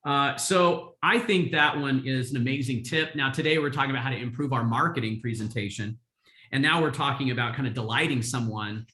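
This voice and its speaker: A man's voice: mid-range voice, brisk, bright, forceful tone, echoey room. A man coaching real estate agents on a video call, telling stories energetically with frequent laughs. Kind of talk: live coaching session.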